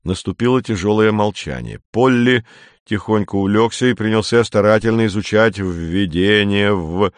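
A man with a lowish voice reads a story aloud, measured and expressive. He voices each character himself, and the recording is dry and close. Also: dry recording. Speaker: narrator. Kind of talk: storybook reading.

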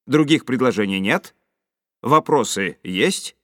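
A man voicing a pompous male chairman in an audiobook, with an even, measured, officious delivery. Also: medium pitch, dry recording, studio quality. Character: pompous imperturbable male chairman, cold and bureaucratic. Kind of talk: audiobook character voice.

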